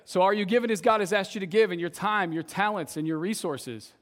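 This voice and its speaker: Preaching a relaxed sermon at a brisk pace, a young youth pastor with a somewhat high voice sounds a bit raspy after shouting earlier. He talks conversationally with the congregation, ending many sentences with "right?".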